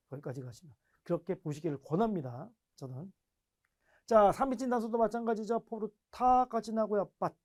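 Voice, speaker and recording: A man teaching an online grammar lecture in a chatty classroom way, asking rhetorical questions and repeating drilled word forms. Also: sits high. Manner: chatty, explaining in a lively classroom way.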